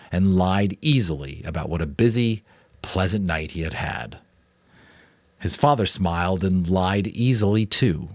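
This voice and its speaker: A man with a deep voice narrates a book expressively as an amateur audiobook reader, breaking off now and then for casual commentary. The recording is dry.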